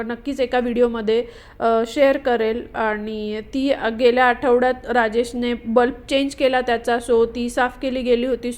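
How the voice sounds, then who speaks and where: A woman chatting through a home vlog voice-over, explaining her cleaning routine with frequent fillers. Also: on the high side. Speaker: vlogger. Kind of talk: casual voice-over vlog narration.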